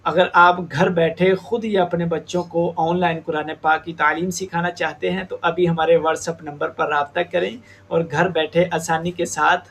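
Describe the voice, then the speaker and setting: A man teaching Quran recitation, explaining slowly and stretching out demonstrated sounds. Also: a little high, level tone, gravelly, fairly bright tone, a little hiss or hum. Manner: slow, deliberate explanation with drawn-out demonstrated sounds. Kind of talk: tajweed lesson.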